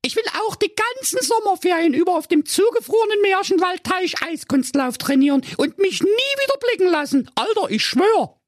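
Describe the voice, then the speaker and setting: A man voicing a pleading, slangy teenage girl in a squeaky, whiny falsetto. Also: very animated, normal speed, few pauses, dry recording, clean studio sound.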